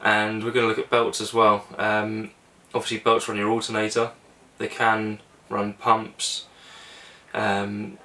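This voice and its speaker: Far from the mic, a young man with a lowish voice explains boat engine checks a little slowly, step by step, in a small cabin. A sailing vlogger, he stays relaxed and practical and fills gaps with fillers.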